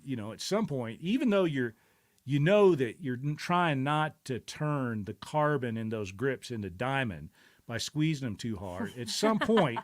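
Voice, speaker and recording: A middle-aged man chats casually on his own stream, telling stories at length. He wanders through his thoughts with plenty of "uh"s and restarts, and his pitch sits in an ordinary middle range. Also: big pitch swings, measured pace. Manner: rambling, reflective, many fillers and restarts. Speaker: show host. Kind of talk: casual live-stream chat.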